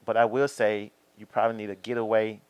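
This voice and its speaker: Male co-host, low voice, probing and affirming, dry close mic. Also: little pitch movement, fast, a little mellow, smooth, dry recording. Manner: probing questions, frequent affirming hums. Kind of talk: casual podcast interview.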